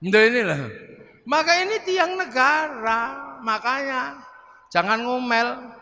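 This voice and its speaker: A middle-aged man giving a humorous sermon, telling stories in an animated way and acting out the voices. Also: very high-pitched, slow. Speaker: preacher. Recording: reverberant hall, faint background noise.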